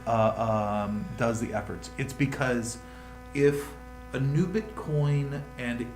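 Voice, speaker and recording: A man's voice: mid-range voice, slow pace. A man hosting a livestream, reading news headlines aloud and riffing on them in a rambling, casual way. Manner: rambling, reads headlines then riffs. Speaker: livestream host. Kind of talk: casual crypto news chat. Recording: echoey room with music behind.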